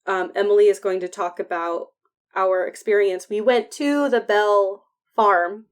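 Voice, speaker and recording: A woman's voice: medium pitch, unhurried, smooth. Casual woman podcaster with whistling S sounds. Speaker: podcast co-host.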